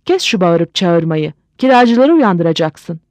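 A woman voicing a sharp, exasperated young wife who scolds her drunk husband in a storybook reading. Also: fairly low pitch, sing-song, unhurried, no echo. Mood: scolding. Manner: shouting, exasperated.

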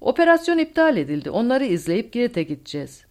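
A woman's voice: on the high side, big pitch swings, fast, darkish tone, voice pushed up. A woman voicing a tense male wartime pilot in an audiobook, speaking in a raised, urgent voice.

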